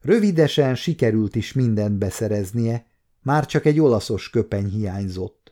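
A man in his fifties reading a historical novel aloud as an audiobook narrator, in a calm, measured storytelling manner. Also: on the low side. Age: 50s. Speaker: audiobook reader.

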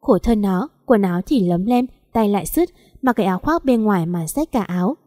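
A woman reading a first-person story aloud in a calm, even storytelling manner. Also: medium pitch, brisk, no echo, studio quality. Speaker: story narrator. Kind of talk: scripted story narration.

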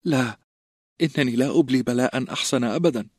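Audiobook: man voicing a timid, stammering fat boy, raised and husky. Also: mid-range voice, lively intonation, brisk, darkish tone, no echo, studio quality, voice pushed up. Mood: ashamed. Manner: hesitant, stammering, apologetic. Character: plump timid teenage boy, stammering coward. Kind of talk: audiobook character voice.

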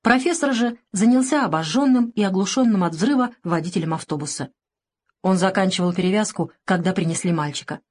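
A woman's voice: mid-range voice, brisk, darkish tone. Woman narrating an audiobook.

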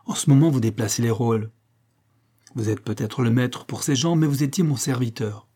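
A man reading the lines of a calm, haughty general baron in an audiobook, speaking with proud command. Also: medium pitch, moderate pace, lightly acted.

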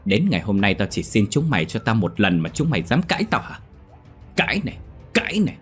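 A man voicing a vicious middle-aged foster father, a brutal villain in a horror audio story, with a gruff, booming, menacing voice. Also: normal speed, faint music behind. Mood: furious. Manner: snarling, menacing.

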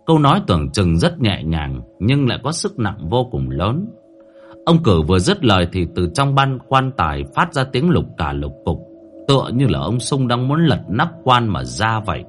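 A man narrating a horror story in a dramatic manner, slowing down at tense moments. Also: on the low side, big pitch swings, faint music behind.

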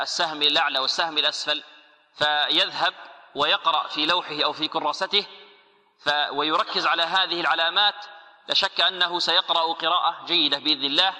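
Bright-voiced man teaching Quran recitation. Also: a little high, long reverb tail. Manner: asks the class questions and answers them himself, models recitation slowly. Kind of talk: radio tajweed lesson.

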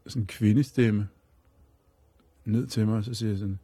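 A man's voice: lowish voice, fairly even intonation, mellow, slightly rough, dry recording. A man telling a personal story as a radio guest, in a rambling, repetitive way. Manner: rambling and repetitive, leaning on fillers.

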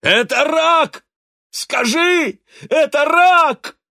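A man reading the part of a drunk, raging older father who bellows curses and pities himself in a drawn-out howl. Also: sits high, lively intonation, creaky, bright, forceful tone, no room sound, studio quality, voice pushed up, exaggerated voice. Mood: terrified.

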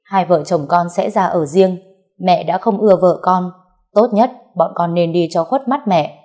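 A woman reading plays an earnest young husband, measured and firm as he pleads his case. The voice stays low-set and mellow, close to the reader's own tone.

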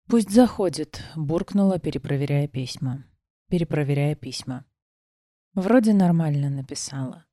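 A woman reading a first-person novel aloud as an audiobook, quiet and restrained, acting out the dialogue. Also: fairly low pitch, dry recording, clean studio sound. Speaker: audiobook narrator.

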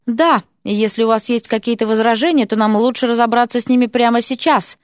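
A woman's voice: on the high side, fairly even intonation, brisk, no room sound, studio quality, close to an everyday voice. Woman narrator playing a stern noble lady in a storybook, plain-spoken and blunt. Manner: blunt, forthright.

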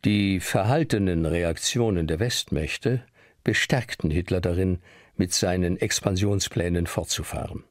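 A man's voice: sits low, unhurried, dry recording, clean studio sound. A man reading scripted historical documentary narration.

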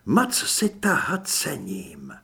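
A man's voice: lowish voice, huge pitch swings, creaky, sharp tone, husky, pitched below the performer's own voice, heavily acted. A man voicing a vengeful female vampire who mocks her enemies in an audiobook. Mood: mocking. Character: vengeful female vampire woman, cold and mocking.

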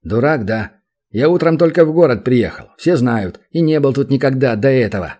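A man's voice: medium pitch, animated, normal speed, mellow, close to an everyday voice. A man voicing a sly, mocking male demon hero who drawls dry, teasing remarks, in an audiobook.

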